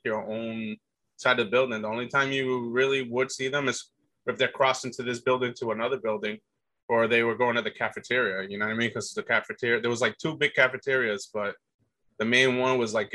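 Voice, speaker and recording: Bright-voiced man rambling casually. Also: mid-range voice, low-quality recording. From Guatemalan background. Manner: rambling, many fillers and restarts. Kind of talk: casual chat.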